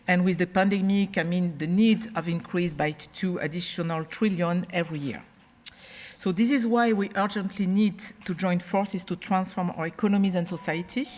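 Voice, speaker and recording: A woman giving a formal podium speech as a panel moderator, with a somewhat halting, hesitant delivery. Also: fairly low pitch, a little mellow. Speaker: panel moderator and regional coordinator. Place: large conference hall. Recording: echoey hall with long reverb.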